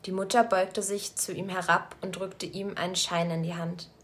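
Woman reading a story aloud calmly. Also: on the low side. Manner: calm, measured storytelling. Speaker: story reader. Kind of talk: scripted storytelling narration.

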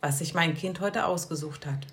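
A woman voicing a gentle, kindly young mother who speaks softly and calmly. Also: sits low, moderate pace, natural voice.

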